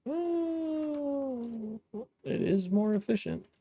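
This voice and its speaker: A man hosts a let's-play video, chatting casually to himself as he plays, thinking aloud and often restarting his sentences. His voice is very high-pitched and dark in tone, animated yet very slow.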